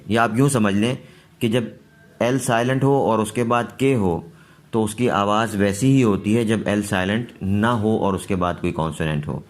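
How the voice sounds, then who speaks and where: A man teaching English pronunciation, explaining rules patiently and repeating each word slowly. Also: lowish voice. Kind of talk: slow pronunciation lesson.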